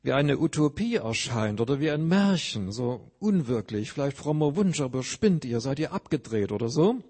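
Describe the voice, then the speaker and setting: A man's voice: on the high side, a little mellow, breathy edge. A man preaching a sermon, earnestly explaining scripture with everyday examples.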